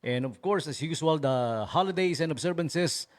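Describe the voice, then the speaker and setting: A man's voice: a little high, lively intonation, moderate pace. A man with a Filipino accent, a radio DJ in casual, joking chat who keeps adding tag questions. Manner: chatty, joking, often adds "no?" and "promise". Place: radio studio.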